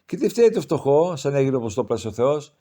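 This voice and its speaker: Grieving pious old village mother, plaintive and heartfelt, mellow tone, read by a man. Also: mid-range voice, expressive, natural voice. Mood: aggrieved.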